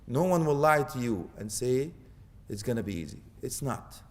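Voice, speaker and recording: A man preaching an animated sermon, joking and acting out little scenes with mock dialogue and Arabic phrases. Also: medium pitch, moderate pace, long reverb tail.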